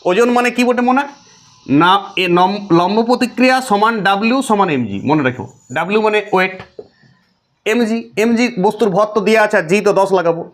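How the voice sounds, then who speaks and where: A middle-aged male teacher talks fast and pitched high. He works through exam problems and keeps asking his students questions. He answers each one himself before moving on. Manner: explains with rhetorical questions to students. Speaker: physics teacher. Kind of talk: classroom lecture.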